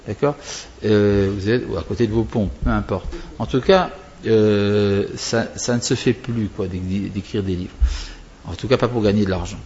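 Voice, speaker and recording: A man's voice: on the low side, moderate pace, a little mellow, highs cut off, slight background noise. A male religious teacher explaining prayer to students, wandering off topic and answering his own questions.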